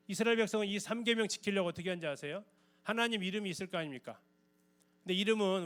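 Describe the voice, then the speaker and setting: A man's voice: sits high, fairly bright tone. A man giving a church Bible lecture, explaining in a conversational way and often asking the audience questions.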